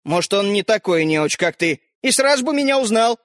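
A man's voice: sits high, expressive, fairly bright tone, no echo, clean studio sound. A man voicing a touchy, boastful tiny fairy-tale hero who lectures and takes offence easily, in a storybook reading. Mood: huffy. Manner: huffy, lecturing, quick to take offence.

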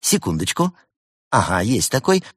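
Male narrator voicing a bright, eager young helpdesk man; raised voice, animated delivery, storybook. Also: lowish voice, moderate pace, dry recording, clean studio sound, pitched above the performer's own voice. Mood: cheerful, eager. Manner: chirpy, eager, bright helpful phone manner. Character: young cheerful male tech-support worker. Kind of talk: audiobook character voice.

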